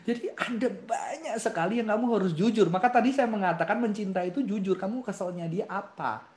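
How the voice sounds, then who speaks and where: Animated man speaker, laughing often. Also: high-pitched, brisk. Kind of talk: seminar talk answering youth questions.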